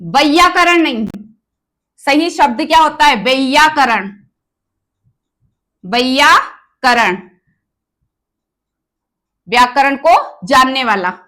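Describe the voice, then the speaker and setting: A woman's voice: high voice, animated, a little slow, fairly bright tone. A woman teacher giving an exam-prep grammar lesson, repeating each word and quizzing her students on the right form.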